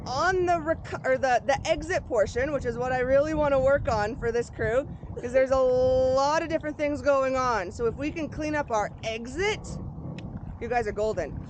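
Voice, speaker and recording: A woman coaching paddlers in an informal, encouraging way, giving careful, unhurried step-by-step instructions outdoors. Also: high-pitched. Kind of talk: hands-on sports instruction. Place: outdoors on a boat. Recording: very noisy outdoor recording.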